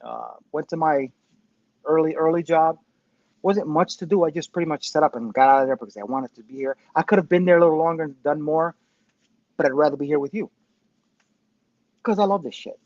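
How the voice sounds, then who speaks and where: A man's voice: a little high, fairly quick, long pauses, darkish tone, no room sound. A man in his fifties hosting his own live-stream show from his phone, sounding tinny like he is in a tin can, rambling, mocking himself and swearing casually. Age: 50s. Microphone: phone with Bluetooth headphones.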